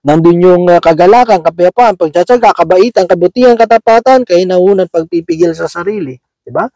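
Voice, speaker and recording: A man's voice: sits high, fairly quick, warm tone, no room sound, soft background music, low-quality recording. A man preaching a sermon in a conversational way, checking in with his listeners after nearly every phrase.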